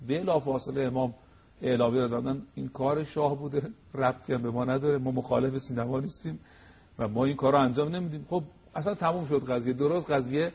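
A man's voice: mid-range voice, steady tone, gravelly, husky, muffled recording. A man preaching on a religious TV program, emphatic and full of rhetorical questions. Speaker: cleric guest on religious TV program.

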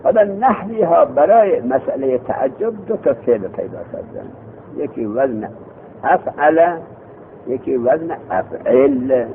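A man leads a seminary grammar lesson, quizzing students and echoing their answers in a lively, gravelly voice that sits a little high. The sound is thin and tinny, like a phone recording. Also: a little hiss or hum. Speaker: teacher.

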